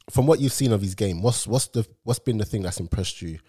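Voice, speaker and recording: A man's voice: fairly low pitch, brisk, dark tone, slightly rough. A man with an urban London roadman accent, chatting casually and slangily as an interviewer. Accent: London, urban street. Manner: slangy, matey. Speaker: interviewer, host. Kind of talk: casual football chat interview.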